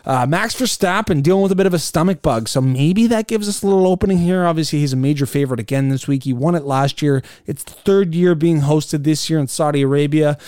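A man's voice: a little high, quick pace, hardly any pauses, darkish tone, smooth, no echo, clean studio sound. A man hosting a solo sports podcast, rambling casually through the week's events with many fillers and restarts. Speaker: podcast host.

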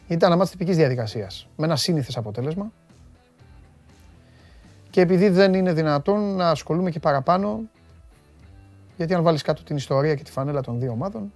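A man's voice: a little high, no room sound. A man hosts a sports talk show, reading out viewer comments and trading jokes with his crew. His voice is dry and close, and faint music plays underneath. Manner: joking, animated, banters with studio crew.

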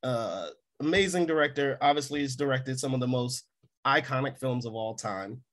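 A man's voice: mid-range voice, normal speed, a bit bright. A man co-hosting a casual podcast about films, talking emphatically and laughing often. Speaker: podcast co-host. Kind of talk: casual movie review chat.

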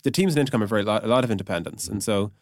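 A man who is a product executive chats casually on a podcast as a guest, explaining things with plenty of "like" and "you know". His voice sits on the low side and comes out rapid-fire, with no echo.

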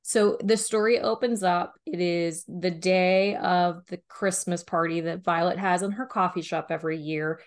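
A woman co-hosting a romance book podcast, talking in a relaxed, rambling way full of "like" and little asides. Her voice sits a bit low for a woman, and her talk is loose and unscripted. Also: moderate pace, hardly any pauses. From Pennsylvania, US. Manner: chatty, heavy use of "like", animated and laughing. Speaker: podcast co-host reviewing romance books. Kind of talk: casual chat.

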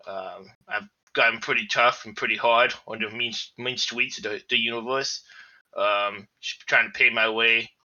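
A man voicing a gruff, distrustful adult male android teddy bear with a lisp, in a tabletop role-play, pausing often with fillers. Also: medium pitch, steady tone, bright, forceful tone, dull audio. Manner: hesitant, many fillers. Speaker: player.

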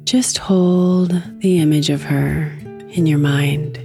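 A woman guiding a meditation in a soft, soothing manner, leaving long pauses between phrases. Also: low-pitched, steady tone, vocal fry, faint music behind. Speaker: guided meditation host. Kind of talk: guided meditation narration.

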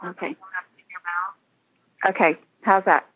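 A woman's voice: fairly low pitch, fairly even intonation, takes it slowly, slightly rough, no room sound. A woman calling in to a radio show over the phone. She talks hesitantly, repeats herself and sounds tired. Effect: phone-line caller on a radio show. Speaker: caller. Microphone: phone held to the mouth. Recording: tinny phone line.

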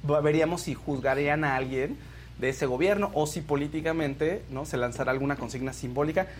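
Very fast-talking Mexican news co-host. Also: mid-range voice, slight background noise. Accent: Mexican Spanish. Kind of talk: casual news commentary and banter.

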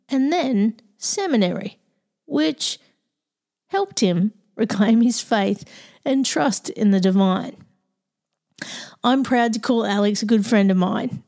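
A woman with a croaky, slightly hoarse voice, speaking as the host of an interview podcast. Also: on the high side, dark tone. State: croaky voice today.

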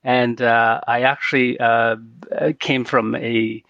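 A middle-aged man from China answering interview questions, halting and full of fillers. His voice has a gravelly, creaky edge and sounds close and dry. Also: mid-range voice, flat delivery, fairly bright tone, no echo, dull audio. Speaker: guest artist. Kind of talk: casual interview.

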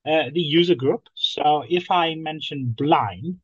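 A young man from Nepal, an app founder appearing as a guest in a podcast interview, speaks slowly in a fairly high, husky voice. He sounds hesitant, with many ums and restarts, and the audio is dull with no room sound.

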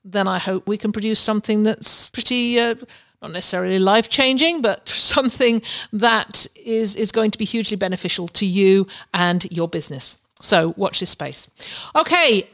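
A woman's voice: mid-range voice, moderate pace, a bit bright. A middle-aged woman hosting a podcast, chatting unscripted and effusively, speaking directly and personally to her listeners. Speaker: podcast host.

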